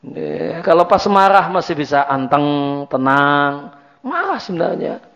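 High-voiced male teacher. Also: very animated, a little slow, fairly bright tone. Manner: conversational, repetitive, drops in Javanese words. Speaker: Islamic teacher. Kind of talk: religious study lecture. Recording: dull lo-fi lecture recording.

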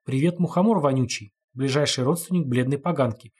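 A man's voice: mid-range voice, fairly quick, a little mellow, slightly rough, close to an everyday voice. A man voicing a cruel gamekeeper who mutters and sneers spitefully, in a storybook reading. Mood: sneering. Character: cruel muttering gamekeeper, hateful toward brother.

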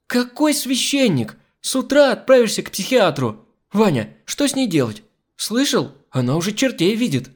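A man's voice: high voice, huge pitch swings, normal speed, few pauses, pitched above the performer's own voice. A man reading an audiobook, voicing a domineering, scornful society mother who scolds her maid. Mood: scolding. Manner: scolding, haughty.

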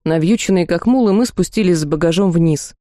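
A woman's voice: fairly low pitch, a little fast, warm tone, no echo, studio quality. A woman reading a first-person fantasy novel aloud as an audiobook narrator.

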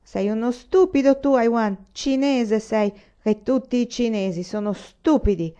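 A woman's voice: a little high, measured pace, pitched above the performer's own voice, lightly acted. A woman doing a drunk, blustering young lieutenant. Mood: drunken, blustering. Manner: loud, boastful, sobbing and angry by turns. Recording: slightly dull, lo-fi recording.

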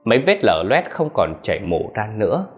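A man narrating a horror story in an expressive storytelling manner, with soft music underneath. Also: fairly low pitch, normal speed, highs cut off.

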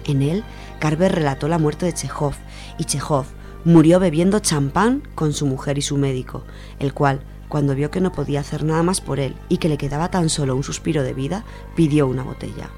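Over music, a radio storyteller with an accent from Spain reads a literary short story aloud. Her voice is low and warm, and her pace is fairly quick.

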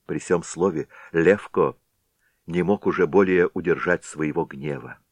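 A man's voice: sits low, a little slow, no room sound. A man narrating a classic story in a theatrical, vivid audiobook style.

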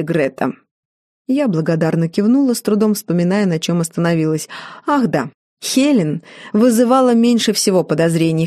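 Woman narrator, first-person novel, measured, dry studio sound. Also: mid-range voice, darkish tone, no echo. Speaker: audiobook narrator.

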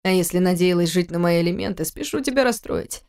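A woman reading the part of a scornful, controlling husband in an audiobook, speaking quietly, mockingly and with menace. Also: on the low side, animated, fast talker, clear, resonant tone. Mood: menacing. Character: cold, scornful adult man, a controlling husband.

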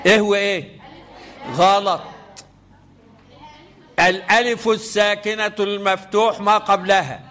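A man with an Egyptian accent leads a lesson on the rules of Quranic recitation, speaking in a fairly high voice. He drills his students with repeated call-and-response questions. Between the questions he chants the verses in a melodic style. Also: fairly bright tone. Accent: Egyptian Arabic.

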